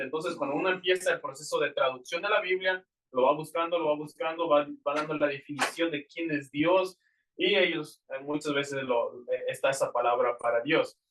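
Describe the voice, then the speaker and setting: A man speaking a little high for his sex, talking earnestly to a congregation. His voice sits well back from the microphone and rings around a roomy church hall. He explains patiently, circling back and restarting his phrases. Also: fairly bright tone, distant mic. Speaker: visiting Bible translator. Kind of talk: church Q&A talk. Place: church sanctuary.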